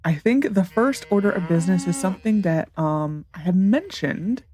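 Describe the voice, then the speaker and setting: Faint music plays behind a woman whose lowish, dark voice has lively intonation and a moderate pace. Congested and nasal, she gives casual gameplay commentary on a farming game as a let's play gamer, thinking aloud with many ums and restarts.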